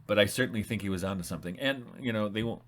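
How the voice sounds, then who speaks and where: Deep-voiced man rambling informally. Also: rapid-fire, a bit bright. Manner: rambling, with frequent restarts and asides. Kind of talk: casual talk with reading aloud.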